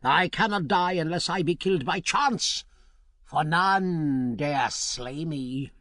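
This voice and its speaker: A man's voice: slow pace, fairly bright tone, dry recording, clean studio sound. A man voicing an ancient, wicked old witch who shrieks and cackles in a storybook reading. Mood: furious. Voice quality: shrill and cackling.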